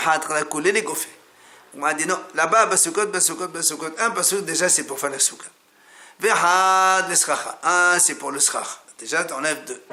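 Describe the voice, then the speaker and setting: A man's voice: fairly high pitch, sharp tone. A man teaching a Talmud class in French, explaining each step and repeating key words as he addresses the listener directly. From France.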